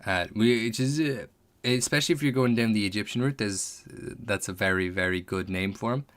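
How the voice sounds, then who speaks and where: A man's voice: on the low side, brisk, fairly bright tone. A man chatting casually on a live stream while building a tabletop game character, thinking aloud over names and details and answering viewers. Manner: chats back to viewers' comments.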